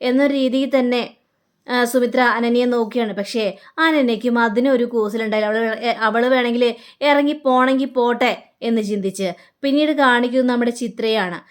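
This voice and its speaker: A woman's voice: a little high, fairly even intonation, moderate pace, smooth. A woman reviewer casually retelling a TV serial episode and acting out the characters' lines herself. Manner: chatty, acting out dialogue.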